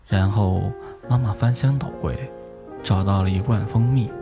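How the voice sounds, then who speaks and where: A man narrating a bedtime story in a gentle, unhurried way, lightly voicing the animal characters. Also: fairly low pitch, creaky. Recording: soft music behind the voice. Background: soft instrumental music.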